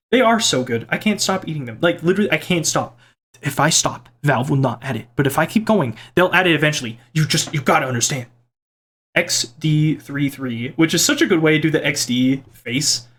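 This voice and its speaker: A young man with a slightly high voice chats into a desk microphone at home, reading out viewer comments. He rambles playfully and is easily amused, drifting from one remark to the next. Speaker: gaming vlogger reading comments. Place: home room by a computer. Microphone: desk microphone at a computer.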